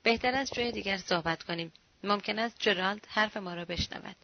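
A woman's voice: medium pitch, dry recording, highs cut off, lightly acted. A woman reading the part of an anxious middle-aged husband who speaks earnestly and cautiously.

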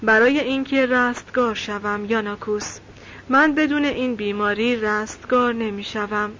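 A calm, devout young villager who answers with quiet certainty, read by a woman narrating a novel. His voice sits a little high. The recording is slightly muffled, with a faint hiss behind it. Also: close to an everyday voice. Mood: calm insistence.

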